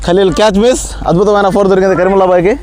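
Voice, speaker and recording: A man giving excited cricket commentary as a co-commentator, outdoors at the ground. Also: high-pitched, rapid-fire.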